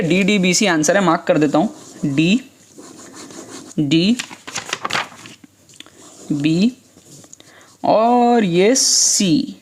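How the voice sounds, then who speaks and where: Young man, exam prep tutor, high-pitched, chatty, repeats himself. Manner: chatty, repeats points, says "ठीक है ना" often. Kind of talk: casual online lesson.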